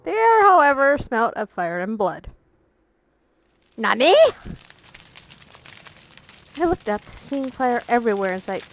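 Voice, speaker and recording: A woman's voice: on the high side, sing-song, normal speed, few pauses, fairly bright tone, soft background music, rough recording. A woman reading a visual novel aloud as a let's play narrator, playful and breaking off for jokey asides.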